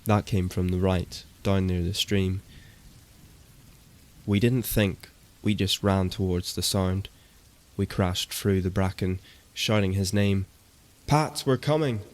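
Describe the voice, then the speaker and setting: A man reads a horror story in a very deep voice. His delivery is slow and steady. He keeps his pitch flat and unhurried throughout. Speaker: narrator. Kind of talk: scripted horror narration.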